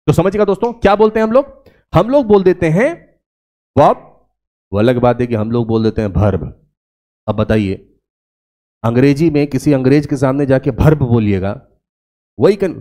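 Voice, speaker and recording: With a mellow, slightly high voice, an Indian man teaches a classroom demo lesson on spoken English. He poses questions to the class and says words slowly, over again, to demonstrate pronunciation.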